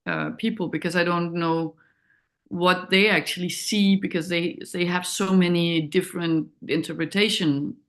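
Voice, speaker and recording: In an interview about her documentary work, a woman from Denmark speaks with a Danish accent, thinking aloud and hesitating as she hunts for the right words. Her voice is lowish, with fairly even intonation and a moderate pace.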